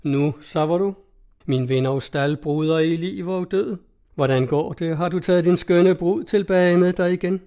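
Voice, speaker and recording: Guy reading a hearty mocking pal in an old story, mellow voice. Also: high voice.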